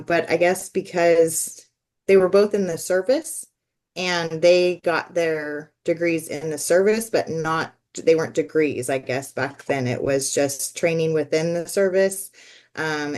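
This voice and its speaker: A woman from California who is losing her voice, giving a rambling, self-correcting introduction as a graduate student and teacher on a video call. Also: deep voice. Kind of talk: casual self-introduction in a group meeting.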